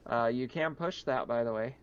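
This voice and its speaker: A man serves as game master for a tabletop roleplaying session, narrating and chatting casually in a mid-range voice at normal speed. The recording is dull and lo-fi, with background noise and a crowd behind him.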